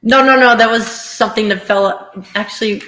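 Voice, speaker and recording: A woman guest on a casual live-streamed chat over a video call, playful and quick to laugh. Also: on the high side, steady tone, sharp tone, roomy sound.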